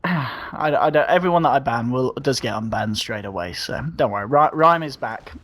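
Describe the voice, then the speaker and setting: A man's voice: medium pitch, brisk, a bit bright. A man co-commentating a live esports match, laid-back and joking, often restarting his sentences.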